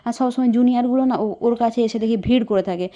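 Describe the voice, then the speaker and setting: A woman telling a worried personal story in a casual vlog, speaking softly with many hesitations. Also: fairly high pitch, fast talker, muffled recording. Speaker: vlogger.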